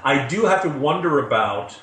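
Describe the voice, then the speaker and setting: A man's voice: a little high, lively intonation, normal speed, fairly bright tone. A man giving wry, sarcastic commentary as a regular guest on a news discussion show. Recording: roomy echo.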